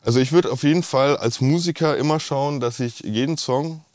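A man's voice: medium pitch, moderate pace, darkish tone, no echo. Guy, rolls his r's, musician chatting casually, really dry close sound. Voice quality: rolled R. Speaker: musician, singer-songwriter guest. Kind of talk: casual interview talk.

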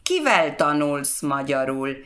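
A woman's voice: low-pitched, sing-song, slow, fairly bright tone. A woman giving a radio language lesson. She patiently repeats each example word several times. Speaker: Hungarian language teacher.

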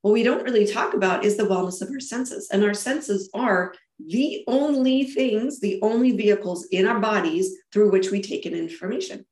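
Speaking at normal speed with hardly any pauses, a German woman walks an interviewer through the event business she founded. Her medium-pitched voice is a little mellow, her explanations enthusiastic and full of restarts; the audio is poor and reverberant.

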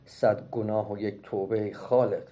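A man voicing a gruff, fussing father who loudly urges and insists. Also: medium pitch, sing-song, soft background music, pitched above the performer's own voice, natural voice. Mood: urging. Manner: loud, urging.

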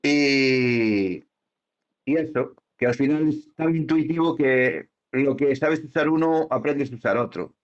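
Speaking a little slowly at a medium pitch, a man chats casually as a podcast co-host. He rambles, restarting sentences and filling gaps with fillers, all captured in dull lo-fi audio.

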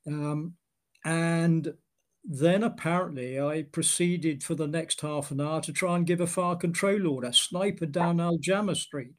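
An older man from Britain recounting his military past in an interview, halting with many fillers and dry humor. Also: on the high side, steady tone. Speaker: interviewee, former Royal Marines officer. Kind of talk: oral history interview.

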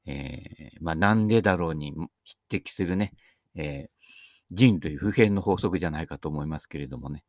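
A man's voice: rumbling low, moderate pace, darkish tone, no echo, studio quality. An older man missing his front teeth gives a casual, humorous, rambling monologue, chatty and self-deprecating. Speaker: speaker giving talks on Buddhist sayings.

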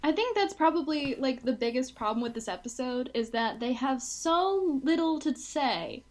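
Emphatic high-voiced woman critiquing. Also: animated, normal speed, darkish tone. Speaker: podcast co-host. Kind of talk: casual chat.

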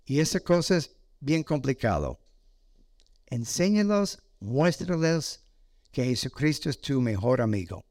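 Animated older male preacher. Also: mid-range voice, measured pace, dry recording, clean studio sound. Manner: animated, exhorting, acts out voices. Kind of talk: sermon.

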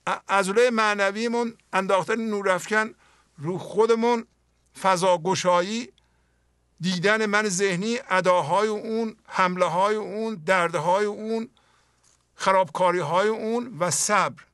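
A man hosting a spiritual poetry program, explaining the verses earnestly and dropping to a soft voice when he acts out inner dialogue. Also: high-pitched, clear, resonant tone, dry recording, clean studio sound. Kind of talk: spoken commentary on mystical poetry.

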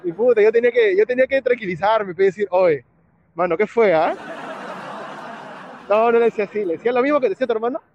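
A man with a Peruvian accent chatting casually, slangy and relaxed, laughing at his own stories. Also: sits high, very fast, few pauses. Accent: Peruvian Spanish. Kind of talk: casual chat. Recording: muffled lo-fi with faint background hiss.

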